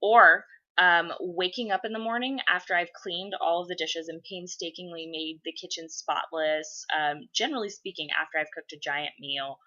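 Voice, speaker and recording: A woman's voice: lowish voice, moderate pace, sharp tone, highs cut off. A woman in her twenties chatting casually, blunt and swearing freely as she gets worked up. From USA. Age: 20s. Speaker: vlogger. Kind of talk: casual chat.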